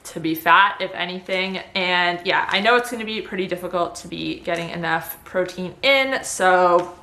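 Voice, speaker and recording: A woman's voice: fairly low pitch, moderate pace, pushed and bright, slight background noise. A woman vlogger chatting casually to camera in an informal, upbeat way. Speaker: vlogger sharing surgery recovery tips. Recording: roomy indoor echo.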